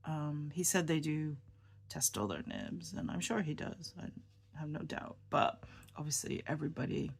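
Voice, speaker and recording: Tired, subdued woman with a low, creaky voice. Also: lively intonation, moderate pace. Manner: rambling, hesitant, with many ums and restarts. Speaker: fountain pen vlogger. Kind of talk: casual show-and-tell chat.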